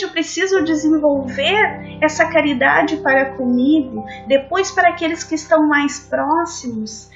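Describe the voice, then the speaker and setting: Woman lecturer, earnest devotional talk; high and slow, muffled recording. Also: a bit bright. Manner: earnest, addresses listeners as friends. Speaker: spiritist lecturer. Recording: dull lo-fi audio with faint music.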